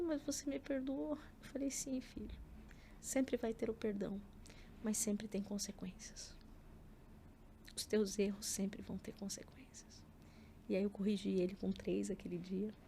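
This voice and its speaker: Over slight background noise, a mid-range, gravelly, mellow female voice recounts a personal story. She is a middle-aged Brazilian woman with a Brazilian Portuguese accent, chatting casually as a podcast guest, performing the quoted lines and sprinkling in frequent fillers.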